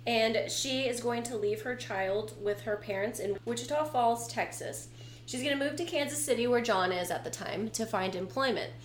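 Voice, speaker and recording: A woman's voice: a little high, moderate pace. Young woman telling true crime, roomy echo. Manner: conversational, slangy asides. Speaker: podcast co-host and storyteller. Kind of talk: casual true-crime storytelling. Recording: roomy echo, faint background noise.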